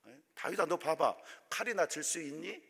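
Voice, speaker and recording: A man voicing a weary king who talks down to a boy in a soft, condescending way. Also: fairly high pitch, animated, normal speed, creaky, breathy edge, exaggerated voice. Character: weary old king, patronizing and dismissive. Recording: echoey church hall.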